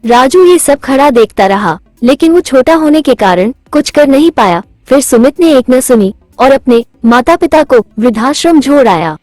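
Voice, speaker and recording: A woman narrates a cartoon moral story in a steady, measured storytelling voice. Her voice is high and sounds dry and close. Faint music plays underneath. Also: dry recording.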